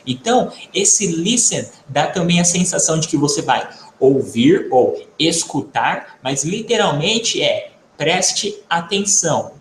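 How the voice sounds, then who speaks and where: A man's voice: fairly high pitch, sing-song, takes it slowly, few pauses, a little hiss or hum. A man teaching English vocabulary in a patient, explanatory video lesson, often checking in with his students. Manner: patient, explanatory, tags phrases with "tá?". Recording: echoey room.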